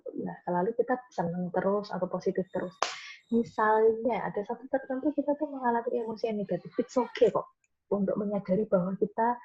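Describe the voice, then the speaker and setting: A woman appears as a guest on a mental health webinar over a video call, explaining things reassuringly, repeating her key points, and taking audience questions. Her voice is a little high and husky, and the highs are cut off.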